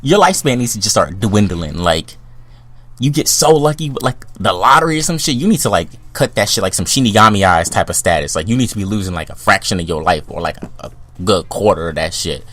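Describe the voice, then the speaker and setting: A young man in a profane, comedic rant to camera, swinging from loud outbursts to low mutters. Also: fast. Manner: animated, heated, swings between loud outbursts and low mutters, filler-heavy. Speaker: vlogger.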